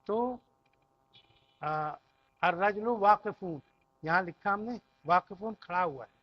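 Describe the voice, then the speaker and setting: In a classroom Arabic lesson, a man with a high-sitting voice takes it slowly, patiently repeating each phrase and explaining it word by word. The recording is dull and lo-fi.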